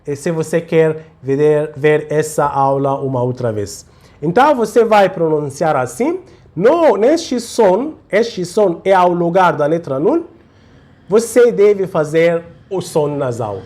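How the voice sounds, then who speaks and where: A man with a high-sitting, slightly mellow voice teaches Quran recitation in a slow tutorial. He patiently repeats syllables so the learner can follow along.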